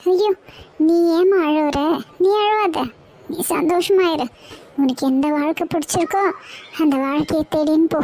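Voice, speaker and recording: A woman's voice: extremely high pitch, fairly even intonation, moderate pace, pauses often, dark tone, slight background noise. An actress playing a middle-aged mother, reproachful and guilt-tripping, in a TV serial scene. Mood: bitter. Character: bitter, self-pitying middle-aged mother.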